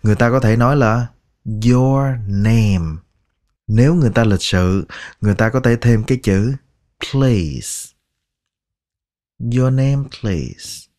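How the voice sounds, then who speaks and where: A man teaching English phrases, patiently repeating each word slowly and clearly in a lesson. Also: on the low side, darkish tone. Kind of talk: language lesson.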